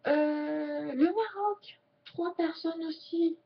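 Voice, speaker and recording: A woman chatting casually to camera as a sign language YouTuber, joking and slowing her words as she signs. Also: very high voice, vocal fry. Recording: dull lo-fi sound.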